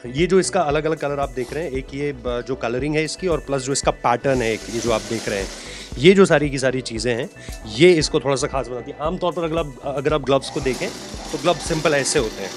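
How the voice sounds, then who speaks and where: A man's voice: mid-range voice, fairly quick, over music. A man in his thirties hosting a video, explaining things at length with many restarts while holding a handheld mic in a workshop courtyard. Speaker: video host. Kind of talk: explanatory walk-through interview.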